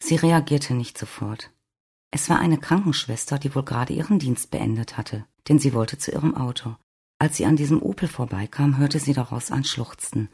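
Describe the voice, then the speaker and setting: Calm, gravelly audiobook narrator. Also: medium pitch, moderate pace. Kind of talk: scripted narration.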